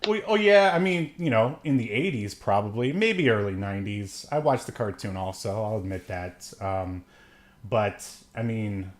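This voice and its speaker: Talking at normal speed in an expressive, lowish voice, a film-reviewing podcast co-host in his thirties or forties riffs casually on movies. He cracks jokes and drifts from thought to thought without a script.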